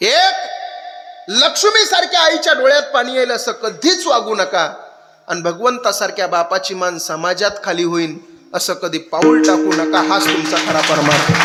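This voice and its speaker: A man preaching a devotional kirtan sermon, swinging from loud cries to hushed speech. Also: fairly high pitch. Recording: echoey hall with loud crowd noise.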